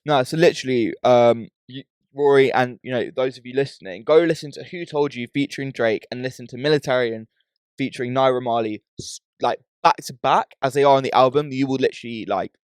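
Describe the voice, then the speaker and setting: A man's voice: mid-range voice, fairly quick, clear, resonant tone, no echo. A British man hosting a podcast in casual, slangy chat, often tagging his points with "bro" or "yeah". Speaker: podcast host.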